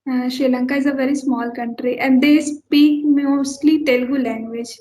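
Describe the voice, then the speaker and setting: A young woman from India, a postgraduate student whose first language is Maithili, speaking English slowly and carefully in a casual practice chat. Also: sits high, steady tone, warm tone, poor audio. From Uttar Pradesh, India. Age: young adult. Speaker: postgraduate student and channel host.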